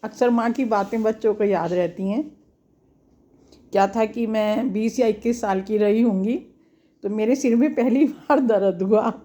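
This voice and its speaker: A woman's voice: medium pitch, moderate pace, mellow. A middle-aged woman telling a personal memory in a homely, reflective, chatty way. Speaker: storyteller. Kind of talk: personal storytelling. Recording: dull lo-fi recording.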